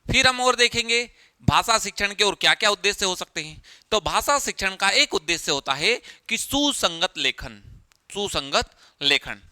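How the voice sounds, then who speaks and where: Bright, crisp-voiced male teacher. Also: high-pitched, animated, normal speed, no echo. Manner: explains step by step, repeats key phrases, asks rhetorical questions. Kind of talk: exam-prep lecture.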